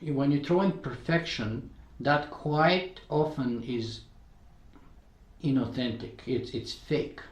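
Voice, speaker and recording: This guest, a podcast creator from Bulgaria with a Bulgarian accent, speaks in a mid-range voice and takes it slowly in an echoey room. He's earnest in the casual interview and keeps checking in with "right?" and "you know."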